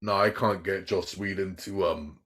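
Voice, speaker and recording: Very deep-voiced, enthusiastic man. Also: steady tone, moderate pace, a bit bright. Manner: enthusiastic, rambling, swears a lot. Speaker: podcast host. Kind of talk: casual chat.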